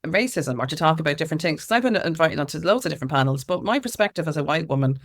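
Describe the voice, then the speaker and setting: Very fast and animated, her deep voice drives a string of lively anecdotes told as an interview guest. The Irish-accented woman, a music consultant and campaigner, speaks informally and with emphasis, performing what others said.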